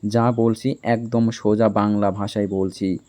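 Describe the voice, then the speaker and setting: A man voicing a possessive, domineering young army captain who speaks slowly and sternly, stressing each word. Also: lowish voice, flat delivery, dark tone, natural voice. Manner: slow, stern, emphatic.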